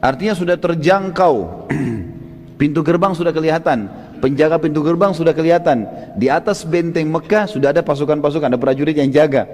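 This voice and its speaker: A man preacher telling a religious story as a vivid storyteller, often rising into loud exclamations and addressing listeners as friends. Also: on the high side, fairly quick, big-room sound. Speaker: Islamic preacher.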